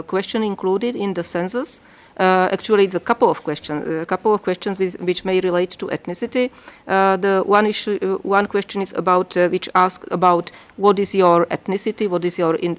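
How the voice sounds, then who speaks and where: Hesitant woman. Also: fairly low pitch. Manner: hesitant, many fillers and restarts. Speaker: state delegation member answering a UN committee. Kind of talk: formal hearing testimony.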